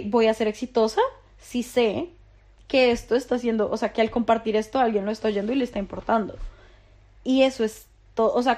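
A young woman rattles through a casual podcast monologue at high speed, her voice sitting a bit high. She rambles and swears freely, stacking filler words as her thoughts tumble out. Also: darkish tone. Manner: rambling, profane, heavy use of filler "como". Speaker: podcast host.

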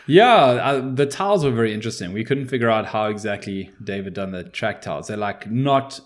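A South African man with a low-pitched voice talks casually as a podcast co-host. He rambles along informally, using slang as he chats about games. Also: expressive, fairly quick.

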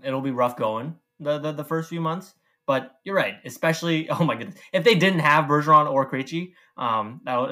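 A man's voice: mid-range voice, bright, forceful tone. A man co-hosting a casual sports podcast, talking loosely with fillers and swearing. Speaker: podcast co-host.

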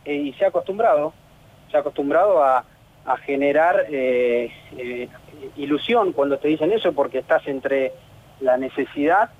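A man with an Argentine Spanish accent, a professional footballer in a radio interview, talking in an earnest, frustrated way with many halting restarts. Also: a little high, expressive. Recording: phone line on radio.

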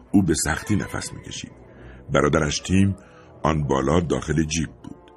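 A man narrating an adventure audiobook, telling the story expressively. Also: extremely low pitch. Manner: expressive storytelling with lively swings. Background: faint music.

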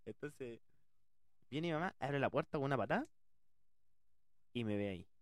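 A man telling a comic personal story in slangy, animated speech. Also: mid-range voice, normal speed, no echo. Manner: animated, loud outbursts, slangy.

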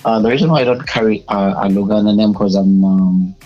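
A young man with a Ugandan English accent talks about his path into media in a casual interview. His voice sits low and has a husky edge. He pauses often and fills the gaps with "uh". The sound is dull and muffled. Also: steady tone, soft background music. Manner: hesitant, many filler sounds. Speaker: guest, media personality and public speaker.

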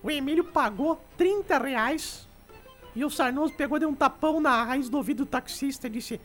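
Woman playing a cranky old lady on radio, high voice, bossy and teasing, faint music under. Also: normal speed, natural voice. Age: older. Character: sharp-tongued old lady, bossy joker. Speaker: comic radio show regular.

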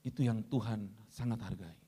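A pastor delivers a sermon at a moderate pace with a breathy edge, repeatedly addressing the congregation and calling for amens. His voice swings between loud, high emphasis and quiet, low asides.

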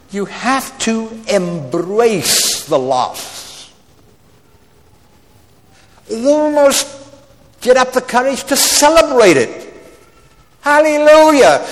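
A man in his seventies delivers a sermon, his high voice carrying through a large room. He swings between loud exclamations and quiet asides, stammering into restarts and dropping wry, humorous remarks.

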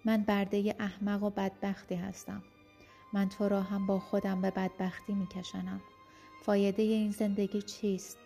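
A woman's voice: mid-range voice, little pitch movement, gravelly, dark tone, faint music behind, lightly acted. A woman voicing a bitter, defiant young enslaved man. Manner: angry, bitter protest.

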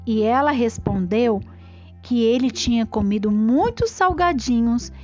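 A woman tells a story to small children in an animated, expressive read-aloud style. Her voice sits fairly high and swings widely in pitch, and she goes very slowly and carefully. Music plays behind her. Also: lo-fi sound. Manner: animated, slow and careful, addressing children affectionately as little friends. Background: background music.

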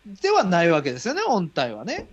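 A man's voice: high voice, huge pitch swings, fairly quick, muffled recording, over a noisy crowd. A man co-hosting a casual live-stream chat, asking polite, playful questions and answering often with short agreements. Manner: attentive interviewer, many "naruhodo" replies, polite and playful.

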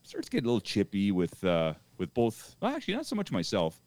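A man's voice: fairly low pitch, wildly swooping pitch, a little fast, a little mellow. A middle-aged man hosting a podcast, telling a rambling anecdote in a casual way with many restarts. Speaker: podcast host.

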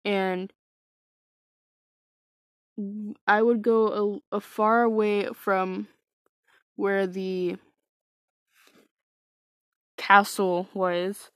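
A woman's voice: mid-range voice, flat delivery, very slow, pauses often, a bit bright, dry recording, clean studio sound. A woman casually telling a personal story, hesitant and wry, full of fillers and restarts. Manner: wry, self-mocking.

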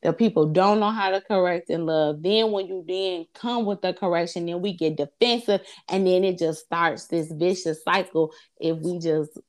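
A woman, talking things over in a relaxed, reflective way. Her voice sits a little low for a woman, and she turns animated when she acts out what she once said. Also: normal speed, few pauses. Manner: reflective, animated when quoting herself, laughs often. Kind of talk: casual conversation.

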